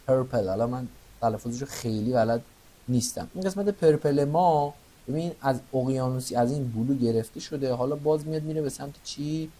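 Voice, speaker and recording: A young man teaching a software tutorial in a relaxed, informal way, thinking aloud and checking with listeners as he explains. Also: mid-range voice. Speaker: Photoshop instructor. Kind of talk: screen-recorded software tutorial.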